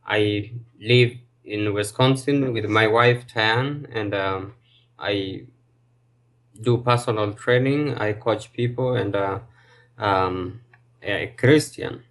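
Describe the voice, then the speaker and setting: Male guest, low voice, very slow and halting delivery. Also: fairly bright tone. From Kenya. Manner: hesitant, many fillers and pauses. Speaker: guest bodybuilder and personal trainer. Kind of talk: casual interview.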